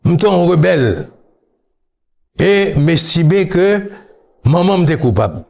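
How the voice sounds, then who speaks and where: A man from Haiti, speaking as an interview guest, recalling his childhood in a slow, musing way that mixes Creole and French. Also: sits high, very animated, gravelly, a little mellow. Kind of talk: reflective interview talk.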